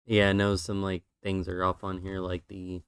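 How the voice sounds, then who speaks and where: A man with a low voice streams himself drawing, chatting casually and rambling with fillers as he loses his voice. He talks at a moderate pace, smooth and relaxed, in clean studio-quality audio with no room sound.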